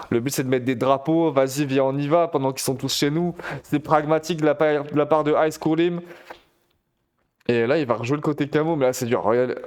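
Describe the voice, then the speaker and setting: A man casting a competitive shooter match live, chatty and excitable, talking straight to his viewers. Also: fairly high pitch. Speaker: esports caster. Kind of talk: live game commentary.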